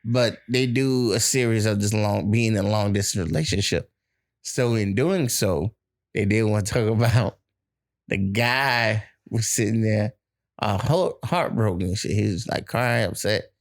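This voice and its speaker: Gravelly male co-host; dry, close sound; loose, profane storyteller who acts out the quotes. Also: lowish voice, measured pace, dry recording. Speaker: podcast co-host. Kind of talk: casual chat.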